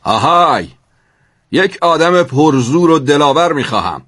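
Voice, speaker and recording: A man voicing a big, burly, stern ship captain who gives loud commands in formal speech. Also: a little high, very animated, voice pushed up. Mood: commanding.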